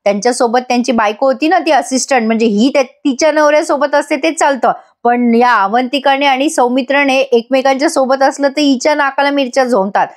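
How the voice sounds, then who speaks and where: A woman's voice: sits high, fairly quick, hardly any pauses, lightly acted. Woman reading a snide young wife. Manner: snide, mocking. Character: scheming sharp-tongued young wife.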